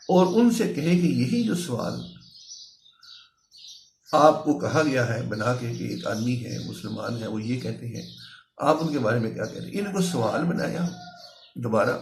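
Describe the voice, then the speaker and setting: A man giving a measured religious lecture, patiently explaining his points with worked examples. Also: medium pitch, gravelly, a little mellow, slight background noise. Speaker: religious speaker. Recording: echoey room.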